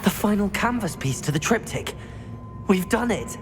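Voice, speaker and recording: An actor playing a young male wizard student who thinks aloud in a plain, even way while exploring. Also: sits high, moderate pace. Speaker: player character, student wizard. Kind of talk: game dialogue. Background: game music.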